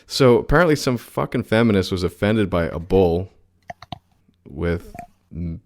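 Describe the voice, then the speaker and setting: A man's voice: sits low, lively intonation, measured pace, a little mellow. A man co-hosting a podcast, chatting bluntly and at length about the year's news, swearing now and then. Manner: blunt, rambling, swears casually. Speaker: podcast co-host. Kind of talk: casual political chat.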